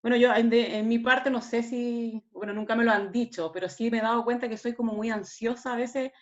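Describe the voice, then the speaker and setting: A woman's voice: a little high, steady tone, fairly quick. A woman with a Chilean accent, a student answering her teacher casually and candidly in an online class. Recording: dull online-class audio.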